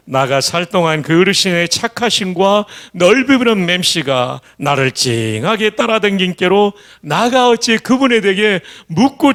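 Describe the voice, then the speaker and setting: A man's voice: high voice, a bit bright, voice pushed up. A man reciting a psalm in a broad Jeolla dialect, exclaiming and drawing words out. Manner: exclamatory, drawn-out folksy recitation.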